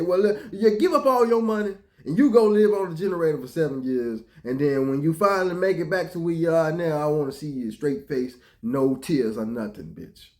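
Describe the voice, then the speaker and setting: Man, high voice, reaction commentary, casual and profane, swings between mutters and outbursts. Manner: animated, profane, swings from mumbling to loud outbursts.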